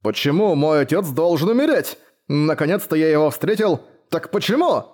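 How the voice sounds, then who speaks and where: A man's voice: a little high, expressive, normal speed, darkish tone, pitched above the performer's own voice. A man voicing a flustered young male adventurer in a fantasy audiobook, asking agitated, pleading questions.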